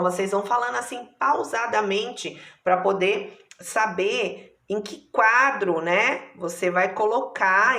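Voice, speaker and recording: A woman's voice: medium pitch, a bit bright, reverberant. A woman teacher with a Brazilian Portuguese accent, patiently spelling words out syllable by syllable for her class. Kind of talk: online class lesson.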